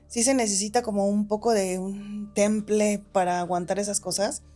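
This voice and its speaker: A woman, a podcast guest, telling a story in a lively way and acting out the quotes. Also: moderate pace, soft background music. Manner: animated, acts out quotes, shifts pitch when telling the story. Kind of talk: casual storytelling.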